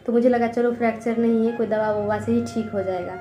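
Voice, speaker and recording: A young woman vlogging as a mother, calm and matter-of-fact. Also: a little high, fairly quick, roomy sound. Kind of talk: family vlog talk.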